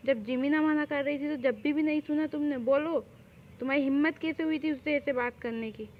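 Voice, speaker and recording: A young woman voicing a possessive young man who scolds someone for upsetting the girl he protects, shouting loudly. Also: high voice, steady tone, brisk, slight background noise, lightly acted. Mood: furious. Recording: dull lo-fi recording.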